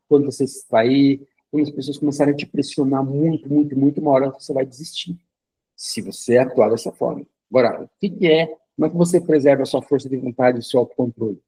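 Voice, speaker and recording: Gravelly-voiced man teaching a class. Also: fairly high pitch, dark tone, rough recording. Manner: conversational, uses vivid hypothetical examples; frequent checking fillers. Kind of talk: recorded lecture.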